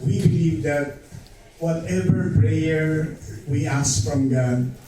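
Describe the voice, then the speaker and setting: A man's voice: fairly high pitch, noisy background. A man preaching a sermon in Tagalog and English, calling the congregation to answer "Amen.". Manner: slow, calls for "Amen" responses. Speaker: pastor. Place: church hall. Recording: echoey hall from far off.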